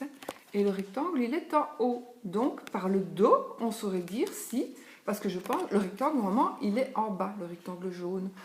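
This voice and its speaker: A woman presenting a tarot deck in casual chat, thinking aloud with many small asides. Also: mid-range voice. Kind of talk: casual chat while showing cards. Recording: echoey room with faint noise.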